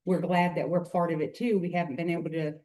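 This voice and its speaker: Speaking into a podium microphone at a hearing, a woman with a Southern US accent from Memphis, Tennessee gives earnest, rambling public comment. Her voice is fairly low and darkish, with a steady tone and a quick pace.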